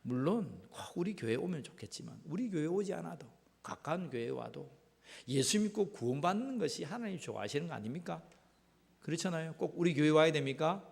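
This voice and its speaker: A middle-aged male pastor, preaching emphatically in a church and swinging between loud calls and low asides. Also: lively intonation, fairly quick, creaky. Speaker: senior pastor. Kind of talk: sermon. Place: church sanctuary. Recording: church hall reverb.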